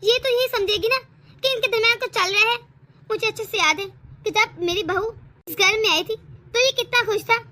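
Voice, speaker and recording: A woman's voice: very high voice, bright, forceful tone. A woman voicing a worried elderly mother-in-law who broods and frets over her family in a cartoon story. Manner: brooding, fretful.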